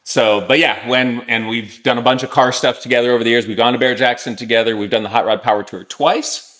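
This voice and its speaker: A man's voice: mid-range voice, steady tone, fast talker, fairly bright tone. A man in his fifties chatting casually as a podcast guest, rambling with lots of fillers and asides.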